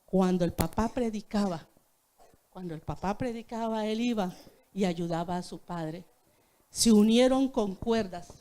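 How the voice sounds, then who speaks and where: Woman preaching with a dark, mellow voice. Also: medium pitch, measured pace. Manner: addresses the congregation directly. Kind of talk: sermon storytelling. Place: church.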